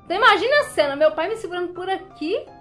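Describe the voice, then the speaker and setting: A young woman telling a dramatic personal story in a casual, animated way. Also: extremely high pitch, very fast, faint music behind. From Brazil. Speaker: vlogger.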